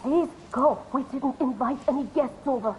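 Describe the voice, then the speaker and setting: An actress voicing a frightened woman who pleads with a visitor from behind a closed door, her voice muffled through it. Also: high voice. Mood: fearful pleading. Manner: pleading, slow and insistent. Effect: muffled, speaking through a closed door. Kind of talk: video game voice acting.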